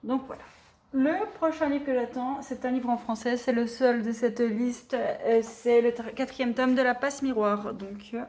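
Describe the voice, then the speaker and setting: A woman's voice: on the high side, fairly even intonation, unhurried, darkish tone. A young woman book vlogger talking casually at home into a camera mic, rambling and enthusiastic, with many fillers and restarts. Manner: enthusiastic, gushing. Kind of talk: casual chat.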